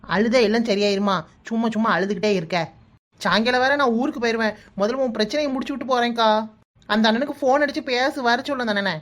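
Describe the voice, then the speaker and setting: A woman's voice: a little high, natural voice. A woman voicing a bossy, meddling young village woman in a cartoon, urging her friend on in a Kanyakumari accent. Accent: Kanyakumari Tamil. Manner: rapid, pushy urging. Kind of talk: cartoon voice acting.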